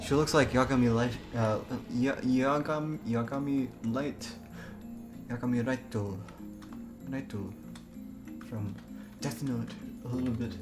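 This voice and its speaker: Over music, a man streaming games reads aloud and chats casually in live commentary, frequently giggling and dissolving into laughter mid-sentence. He speaks at a medium pitch and measured pace, pausing often.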